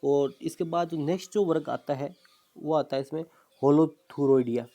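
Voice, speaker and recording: Dark-voiced male biology lecturer. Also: fairly high pitch, normal speed. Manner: explains step by step, repeats terms and asks himself questions; drops in fillers, "ठीक है" and "है ना". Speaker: biology teacher. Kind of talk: exam-prep lecture.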